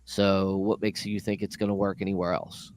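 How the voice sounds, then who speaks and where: A man's voice: low-pitched, little pitch movement, moderate pace, a little mellow. A man on a faith discussion panel, thinking aloud and restarting his sentences, with lots of "you know" and "I mean". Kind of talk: casual discussion.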